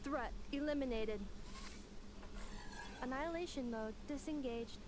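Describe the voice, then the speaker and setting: A literal, polite robot girl for a video game. The voice is fairly high, formal and deadpan, in short clipped phrases. A noisy livestream capture surrounds it. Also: measured pace. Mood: emotionless, alert.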